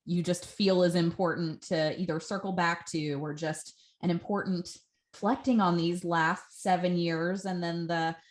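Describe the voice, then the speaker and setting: A woman's voice: lowish voice, fairly even intonation, moderate pace. A woman hosting a podcast interview, speaking in a conversational, affirming way. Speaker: podcast host.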